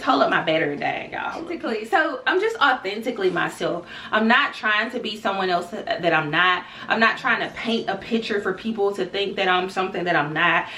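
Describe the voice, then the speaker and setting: Bright, chatty vlogging woman in her thirties. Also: on the high side, reverberant, distant mic, a little hiss or hum. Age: 30s. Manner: candid, chatty, addresses viewers as y'all. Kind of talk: casual talk to camera.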